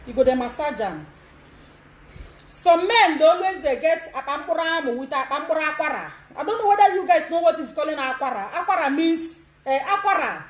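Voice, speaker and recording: A Nigerian woman with a high, animated voice talks a little fast, handing out frank, casual advice in a bold way, laughing often and demonstrating as she goes while mixing in pidgin. The audio is poor, with a roomy sound, and the talk is a relaxed instructional chat.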